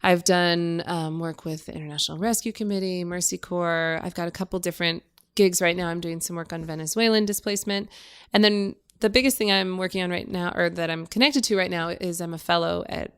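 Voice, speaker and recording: A woman in her thirties, talking casually as a guest, slightly raspy and stuffy from a cold, chatty and self-deprecating. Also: on the low side, steady tone, a little fast, a bit bright. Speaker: podcast guest. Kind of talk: casual conversation.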